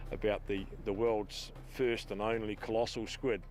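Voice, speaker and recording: A man's voice: lowish voice, little pitch movement, normal speed, a little mellow. A man from a fishing crew recalling things in a colloquial, plain-spoken documentary interview. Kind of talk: informal documentary interview recollection. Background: background music.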